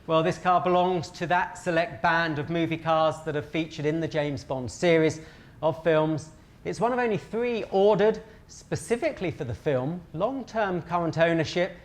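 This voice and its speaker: A British man working as a fine art auctioneer, calling live bids with formal patter, measured repetition and a showman's poise. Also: on the high side.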